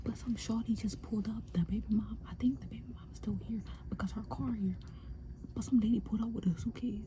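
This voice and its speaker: A young adult woman talking candidly in a casual personal vlog from her parked car, speaking loosely and slipping into hushed, half-whispered asides. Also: a little high, fairly even intonation, fast talker, a little hiss or hum. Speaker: vlogger.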